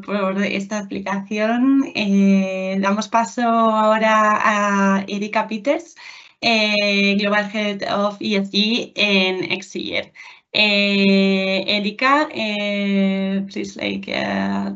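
Woman webinar host, medium pitch, unrushed handovers between speakers, dull online-call sound. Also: steady tone, slow, a bit bright. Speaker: webinar moderator. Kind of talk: introducing speakers. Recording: muffled video-call audio.

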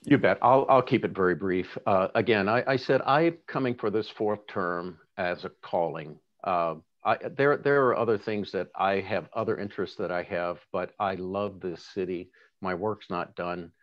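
A man's voice: deep voice, normal speed, dull audio. A man running for reelection as city attorney, speaking earnestly and passionately in an endorsement interview, often restarting his sentences. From Seattle area. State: tearful at times.

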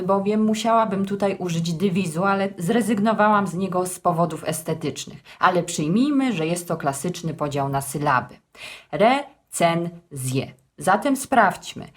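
A woman explaining grammar rules in a formal, measured way with touches of dry humour. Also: on the low side, slightly rough. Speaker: text editor hosting a language series. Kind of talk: scripted language lesson.

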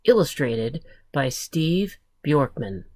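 A woman school librarian reading a picture book aloud to children, in an expressive, unhurried way. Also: sits low, no echo.

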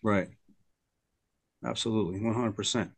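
A man's voice: lowish voice, steady tone, normal speed, creaky, breathy edge, no echo. Hesitant man hosting a video call. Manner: hesitant, heavy with fillers. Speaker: host. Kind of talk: casual video-call discussion.

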